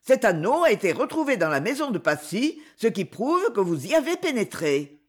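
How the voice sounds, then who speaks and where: A woman's voice: fairly high pitch, big pitch swings, moderate pace, slightly rough. A reader voicing an agitated woman who accuses another in court with indignant outbursts. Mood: accusing.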